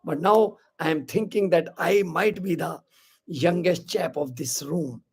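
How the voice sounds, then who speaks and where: A man's voice: a little high, drawn-out words, gravelly, a little mellow, breathy edge. A man in his sixties with an Indian accent, hosting a live motivational webinar in Hindi and English, upbeat and greeting viewers by name as "my dear friends". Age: 60s. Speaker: webinar host. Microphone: live stream to social media.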